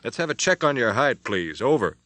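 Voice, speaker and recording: For an audiobook, a man voices a firm, commanding middle-aged airline captain giving step-by-step radio instructions in a coaching mood. His mid-range delivery is sing-song, brisk, and fairly bright, pitched above his own natural voice. The recording is dry.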